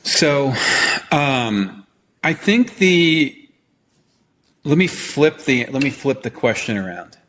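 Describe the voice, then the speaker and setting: A middle-aged man, a trial consultant and longtime actor, answering interview questions in an animated coaching tone and often checking in with "right?". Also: medium pitch, takes it slowly, long pauses, slight background noise.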